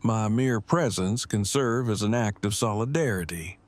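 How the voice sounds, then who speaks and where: An actor in an audio drama lightly plays an earnest, awkward, long-winded nerdy man who has just fallen in love, speaking in formal, precise language. His voice is on the low side at normal speed, with an awkward yet agreeable mood.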